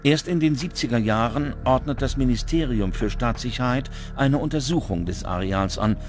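A man with a medium-pitched voice delivers scripted documentary narration in a measured, dramatic style. It's a studio voice-over with a little hiss or hum in the background.

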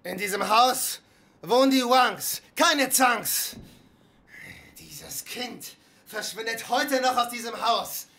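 A woman's voice: fairly high pitch, slow, fairly bright tone. An actress voicing a harsh, angry stepmother in a dubbed film drama, scolding and threatening. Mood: furious. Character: harsh scolding stepmother, middle-aged woman, bitter temper.

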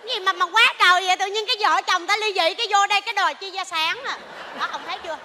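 Sassy wife yelling back fast, really bright, hall echo. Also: female voice, very high-pitched. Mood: angry. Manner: defiant, bickering. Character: defiant bickering middle-aged wife. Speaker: wife in stage sketch. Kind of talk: stage comedy acting. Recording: stage hall reverb, faint noise.

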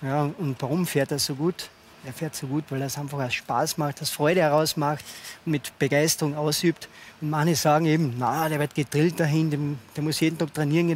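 A man answers interview questions earnestly, his voice a touch higher than most men's. He lays out his points step by step. A faint noise runs under the studio sound. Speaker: father of a young skier. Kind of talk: talk-show interview answers. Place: TV studio with audience. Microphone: headset mic.

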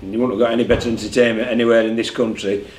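Very fast and flat, a man's mid-range, slightly mellow voice answers at a post-match press conference, where he is the rugby league head coach speaking candidly. He often repeats words as he thinks, and the desk mic captures an echoey room with faint background hum.

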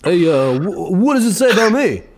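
A man's voice: high voice, very animated, normal speed. A man playing a sarcastic, blunt teenage girl with a Brooklyn accent in a comedic script reading. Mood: scheming. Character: snarky rebellious teenage girl.

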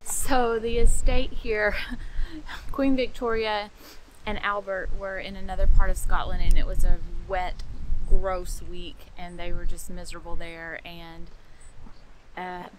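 A woman in her thirties vlogs her travels, speaking to an arm's-length camera from the car and outside castles as she covers plans and practical tips for viewers. She speaks in a lowish voice with flat delivery and a measured pace. The recording is rough, with a little hiss or hum.

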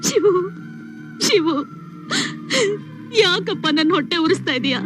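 A sobbing guilt-ridden mother, very high voice. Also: expressive, unhurried, music in the background. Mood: anguished. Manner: anguished, begging forgiveness. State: crying. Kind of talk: film drama acting. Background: film score over the dialogue.

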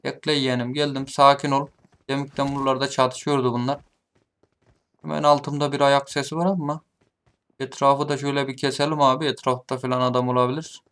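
A man's voice: mid-range voice, little pitch movement, brisk, smooth. Taunting man narrating his gameplay. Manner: taunting opponents, mutters then shouts. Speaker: gaming streamer. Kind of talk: live gameplay commentary. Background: game gunfire.

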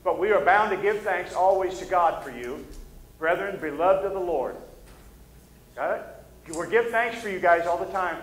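A pastor with a high voice talks at normal speed in a plain-spoken, casual sermon, asking his listeners to agree. He's a middle-aged Midwestern American preaching from a pulpit on the church stage. The sanctuary sounds echoey, with a little hiss or hum.

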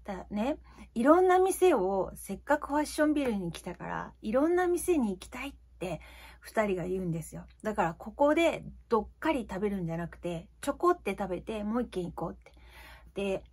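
A woman in her fifties tells her viewers a story in a casual, confiding way. Her voice is slightly husky and breathy, sitting at a middle pitch. She rambles a little and leans on fillers as she talks. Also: very animated, a little fast, darkish tone. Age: 50s. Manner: chatty, confiding, frequent fillers. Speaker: vlogger.

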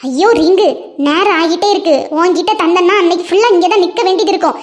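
A busy old village grandmother in a cartoon tale, voiced by a woman. Her voice is very high, with a Kanyakumari Tamil accent. She scolds briskly and hurries everyone along. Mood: scolding. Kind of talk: cartoon moral story voicing.

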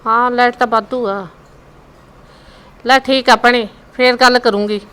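An older woman playing a chatty Punjabi mother who nags her son. Her voice is bright and crisp, and she chatters on the phone and scolds him in a teasing way. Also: a little high, steady tone, unhurried, poor audio. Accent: Indian Punjabi. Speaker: mother in a family drama. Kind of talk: village web drama acting.

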